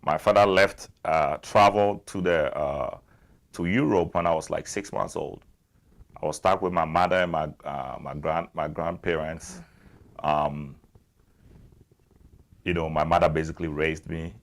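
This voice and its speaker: A man's voice: very deep voice, steady tone, unhurried. A young Ghanaian man with a Ghanaian accent, talking at length as a guest in a casual interview and repeating his phrases for emphasis.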